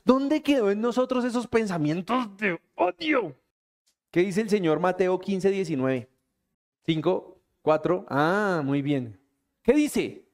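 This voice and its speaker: A man preaching as a pastor, lively and joking, acting out little scenes with quick quoted voices in a church hall. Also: very high-pitched. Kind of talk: lively sermon.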